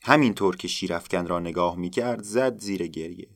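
A man calmly narrating a folktale as storyteller, in an unhurried telling. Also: sits low, creaky, no echo, studio quality.

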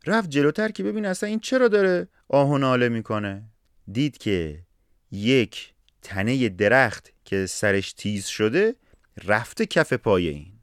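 Lively male folk-tale storyteller. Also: mid-range voice, clean tone, no echo, studio quality. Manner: colloquial, lively, with asides to listeners. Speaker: storyteller and podcast host. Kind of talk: casual spoken folk-tale narration. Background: faint music.

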